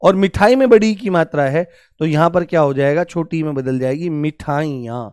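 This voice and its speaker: A man with a fairly high voice runs a live online grammar class. He repeats each key word and keeps asking his students to call out examples. The sound is close and dry, with no room echo. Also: normal speed, a little mellow, smooth. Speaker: Hindi grammar teacher.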